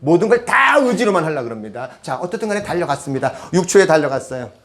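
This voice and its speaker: A man's voice: on the high side, very animated, quick pace, fairly bright tone. A man giving a public lecture on parenting, speaking conversationally and often asking the audience rhetorical questions. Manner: switches to half-banmal, conversational asides.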